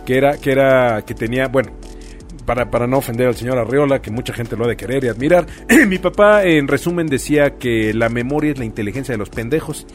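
A man's voice: mid-range voice, quick pace, faint music behind. A middle-aged man with a Mexican accent, chatting casually as a co-host, slangy, telling stories and laughing often. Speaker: podcast co-host. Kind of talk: casual chat.

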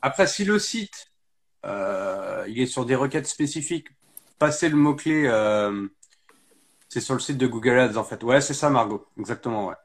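A man's voice: medium pitch, expressive, normal speed. A man talking casually as an interview guest, explaining things step by step with many hesitations. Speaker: SEO guest.

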